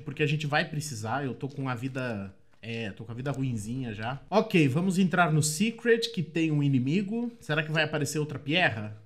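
Brazilian guy narrating a game, kinda high voice, chatty, gets loud and shrieky when surprised. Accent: Brazilian Portuguese. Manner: excitable, exclaims and shrieks in surprise; chatty, addresses viewers often. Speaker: gameplay commentator. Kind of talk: let's play commentary.

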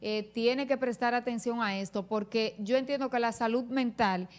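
A woman's voice: fairly high pitch, steady tone, moderate pace. A woman from the Dominican Republic hosting a live TV panel, earnestly explaining at length and growing indignant. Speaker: TV talk show host.

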